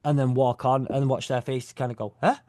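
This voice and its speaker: A man's voice: medium pitch, little pitch movement, brisk, mellow, no echo, clean studio sound. A man from the UK hosting a podcast in casual chat, rambling and joking as he talks. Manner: rambling, jokey, self-correcting. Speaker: podcast host.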